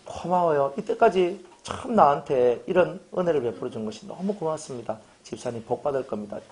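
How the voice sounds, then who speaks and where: A man's voice: on the high side, animated, brisk, darkish tone. A middle-aged male pastor preaching a humorous sermon, joking and acting out little dialogues with his congregation.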